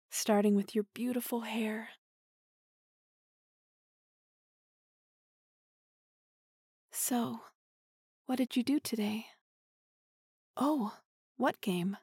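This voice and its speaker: A woman playing an obsessive, possessive young woman who kidnapped her lover, speaking softly and intimately and often dropping to a whisper. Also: fairly high pitch, husky, dry recording, studio quality. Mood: possessive, doting. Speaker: voice actor in audio roleplay. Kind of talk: intimate listener-roleplay audio drama.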